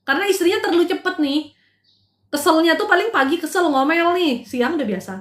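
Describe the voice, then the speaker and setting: A woman's voice: very high voice, expressive, brisk. A middle-aged woman counseling live-stream viewers on their marriages in casual chat, direct and scolding by turns, sometimes dropping in English phrases. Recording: roomy echo.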